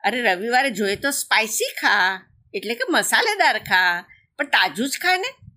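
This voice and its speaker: A jolly papa crow from a children's tale coaxes and teases in a lifted, bright voice, played by a woman storyteller. He talks in a playful, cajoling way. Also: very animated, normal speed, full character voice. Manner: cajoling, teasing, higher than her narration. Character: jovial, wheedling father crow.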